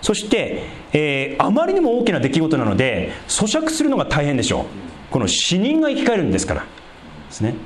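A man preaching a sermon as a pastor, explaining scripture in a conversational way and dropping into a lower voice for asides. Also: wildly swooping pitch, fairly quick, echoey room, slight background noise. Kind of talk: sermon, Bible exposition.

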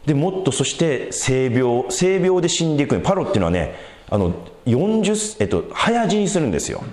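A man preaching a sermon as a pastor, in an animated, conversational way with big swings in pitch. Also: moderate pace, reverberant.

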